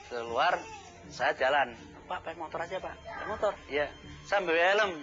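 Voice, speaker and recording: A man's voice: fairly high pitch, normal speed. A man recounting events as a neighbor witness, acting out the dialogue as he tells it. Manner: animated, acts out the dialogue he retells. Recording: dull lo-fi TV audio with music. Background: music.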